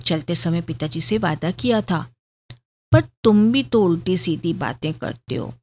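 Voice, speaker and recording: A woman's voice: fairly low pitch, animated, a little slow, warm tone. A woman voicing a playful, pampered young bride, with a pouting, teasing sing-song delivery in a storybook reading. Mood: girlish.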